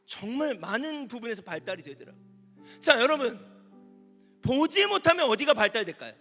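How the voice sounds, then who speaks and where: A man preaching at a youth camp as pastor, animated, asking the audience questions and at times shouting. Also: very high voice, a little fast. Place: large hall at a youth camp. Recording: long hall reverb with faint instrument music.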